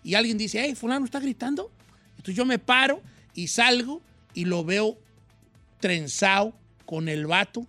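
High bright-voiced man telling a story. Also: measured pace, dry recording, soft background music. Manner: animated slangy storytelling, acts out voices. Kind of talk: casual storytelling chat.

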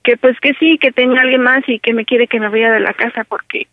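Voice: medium pitch, fairly even intonation, a little fast, no echo, close to an everyday voice. A performer playing a distraught young wife who rambles and pleads with her mother over a phone line. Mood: pleading. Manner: pleading, tearful rambling with many restarts. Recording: narrow phone line, dry.

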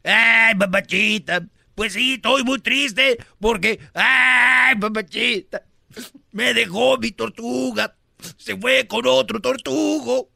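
Un hombre que hace de cómico que cuenta chistes malos, arrastrando las palabras y exclamando. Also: male voice, extremely high pitch, slow, creaky, bright, forceful tone, no echo, clean studio sound, exaggerated voice. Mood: corny. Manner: drawling, exclaiming, laughing at own jokes. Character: corny joke-telling comedian, man, cheerful.

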